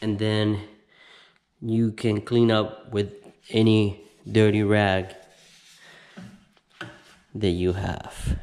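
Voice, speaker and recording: A man in his thirties hosting a casual how-to video in a home garage, explaining each step slowly with plenty of ums and restarts. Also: lowish voice, little pitch movement, a little mellow. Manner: slow, halting step-by-step explaining with many fillers. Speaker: host of a how-to channel. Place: home garage with door open.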